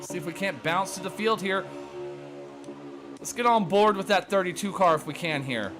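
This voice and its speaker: A man delivers fast, excited play-by-play of a sim race, sounding breathless from keeping up with the action. His voice is high-pitched, and there's some noise in the background.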